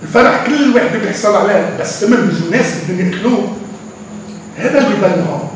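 An older man speaks, in a fairly high voice for a man. He answers as a poet in an emphatic storytelling way. The sound is recorded from far off in a big echoing hall. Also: expressive, quick pace. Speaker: poet being interviewed. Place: large echoey hall. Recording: echoey hall from far off, faint noise.

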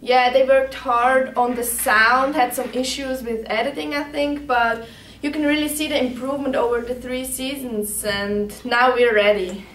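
A woman's voice: high-pitched, steady tone, normal speed, fairly bright tone, echoey room, distant mic, slight background noise. A young adult woman co-anchoring a school news show in an easygoing, joking way. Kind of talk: scripted school news presenting.

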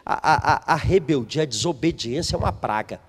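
A man's voice: fairly high pitch, expressive, a little fast, breathy edge, in a large hall. A man, a missionary preaching a sermon, reading from a book and putting questions to the congregation. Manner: emphatic, asks the congregation questions.

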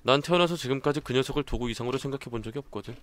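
A man voicing a cold, scornful young man in a horror game who treats people as tools, speaking in a flat, dismissive way. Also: medium pitch, rapid-fire, slight background noise, close to an everyday voice.

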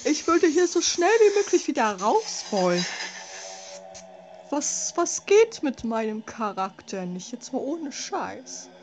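A woman's voice: high-pitched, very animated, slow pace, music in the background. A woman giving casual commentary as a scared, exasperated horror game streamer who curses at the game. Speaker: let's play streamer.

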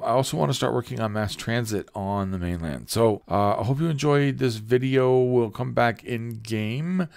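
A man with a low, smooth, resonant voice talks through his city-building game in easy, unhurried commentary, pausing on ums and uhs as he explains his choices. The sound is close and dry, with no room around it. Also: no room sound. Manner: relaxed, explanatory, frequent fillers. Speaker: video game channel host.

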